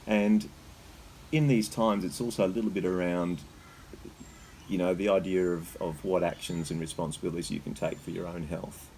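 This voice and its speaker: An Australian man talking casually and haltingly as host, with a slight cold shiver in his voice as he sits in icy water. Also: sits low, fairly even intonation, a little mellow, slight background noise, poor audio. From Queensland, Australia. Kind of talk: casual unscripted talk. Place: sitting in a freezer full of icy water.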